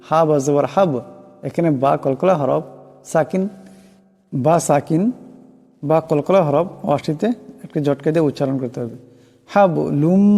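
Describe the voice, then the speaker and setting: A man teaching Quran recitation, spelling out each word and chanting the verses slowly. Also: a little high, dark tone, long reverb tail. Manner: slow melodic chanting of verses, quick plain explaining.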